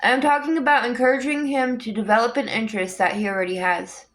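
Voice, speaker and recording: A woman reading a book aloud in a calm, measured way, with an occasional small restart. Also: on the high side. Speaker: audiobook reader.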